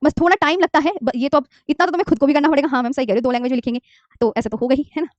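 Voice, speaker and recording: A high-pitched woman in her thirties teaches a geography class and calls her students dear children. She coaxes and repeats every key term, often slipping English words into her talk. The recording is dry, dull and lo-fi. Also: rapid-fire, a little mellow, dry recording. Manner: coaxing, repeats key terms and asks students to say them along. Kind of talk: online geography lesson. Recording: dry, slightly dull lo-fi mic.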